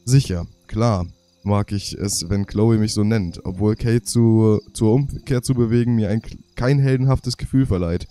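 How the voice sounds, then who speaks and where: His voice sits lowish and dark, and he keeps a measured pace as he reads diary pages from a game for his let's play. He's a young man with a cold, nose half blocked, tripping over words and correcting them.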